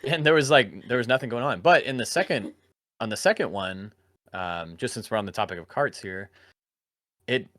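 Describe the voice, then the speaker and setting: A man's voice: lowish voice, lively intonation, normal speed, a bit bright, dry recording, clean studio sound. A man joining a casual chat over a video call, telling stories animatedly.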